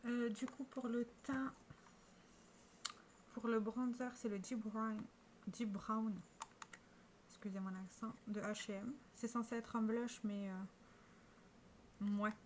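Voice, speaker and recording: A woman's voice: a little high, fairly even intonation, a little slow, pauses often, slight background noise. Chatty woman showing makeup products. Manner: chatty, showing products to camera with small restarts. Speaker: beauty vlogger. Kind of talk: casual makeup vlog.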